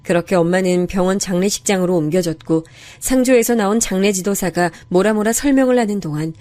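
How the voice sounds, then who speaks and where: A woman narrating a dramatic family story in the first person, in a soft, steady storytelling voice. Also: medium pitch, fairly quick.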